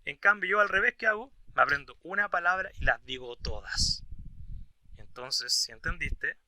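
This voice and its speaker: A man's voice: high-pitched, lively intonation, moderate pace, pushed and bright, a little hiss or hum, rough recording. A man teaching a grammar lesson on video. He explains step by step and often checks in with the viewer for agreement. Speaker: English teacher.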